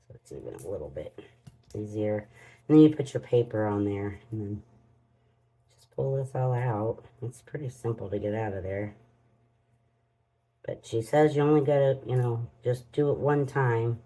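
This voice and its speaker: A woman's voice: very deep voice, dark tone, low-quality recording. A woman hosts a casual crafting vlog, muttering to herself as she works in homespun phrasing. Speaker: crafting channel host. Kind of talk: casual unboxing and demo vlog.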